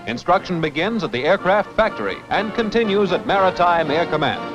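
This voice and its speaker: Male newsreel narrator, old newsreel sound, lively high-ish delivery over a music bed. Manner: brisk, declamatory announcer delivery. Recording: muffled lo-fi newsreel audio with music. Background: music score.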